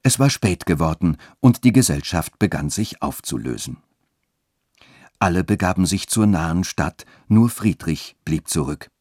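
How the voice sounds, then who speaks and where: A man's voice: sits low, expressive, normal speed, darkish tone, husky, no echo. A man narrating a literary story, reading expressively in a studio.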